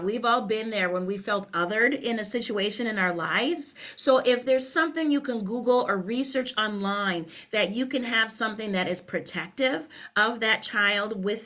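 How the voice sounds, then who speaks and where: This workshop presenter, a middle-aged woman, speaks with a Liberian English accent and a sharp tone at medium pitch. Her webinar talk is earnest and conversational, peppered with "you know" fillers.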